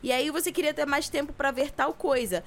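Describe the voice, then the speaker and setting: Reflective woman with a higher voice. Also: brisk. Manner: reflective, explains at length. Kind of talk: casual chat.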